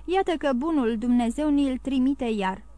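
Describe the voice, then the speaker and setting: A woman's voice: high voice, dark tone, dry recording, natural voice. A woman voicing a grim, scheming innkeeper's wife with a tremulous, sly and menacing way of speaking.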